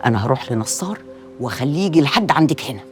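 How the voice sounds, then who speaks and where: A woman's voice: a bass voice, expressive, rapid-fire, over music. An actress playing a stern, coaxing middle-aged mother in an Egyptian drama series, speaking with an Egyptian accent. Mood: pleading. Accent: Egyptian Arabic. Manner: scolding yet coaxing. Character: stern, pleading mother of a grown daughter.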